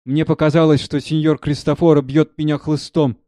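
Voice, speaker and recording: A man's voice: on the high side, flat delivery, moderate pace, warm tone, dry recording, studio quality, natural voice. A man reading aloud, voicing a naive male servant who asks puzzled questions.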